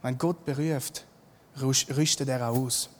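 A male preacher, giving a lively sermon, acting out Bible scenes and repeating his key lines. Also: mid-range voice, a little slow, big-room sound.

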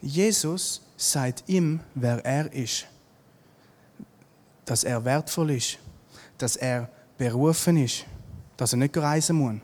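A male preacher, giving a lively sermon, acting out Bible scenes and repeating his key lines. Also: medium pitch, slow pace, long pauses, big-room sound.

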